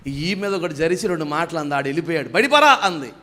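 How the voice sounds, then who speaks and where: High-voiced preaching man. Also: fast talker, a bit bright. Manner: asks the congregation questions, urges them to praise aloud. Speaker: pastor. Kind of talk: sermon. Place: church hall.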